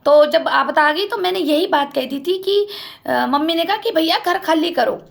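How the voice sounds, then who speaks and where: A young woman vlogger with a high, creaky voice gives an impassioned personal account to camera at a moderate pace. She speaks accusingly and directly to members of her family.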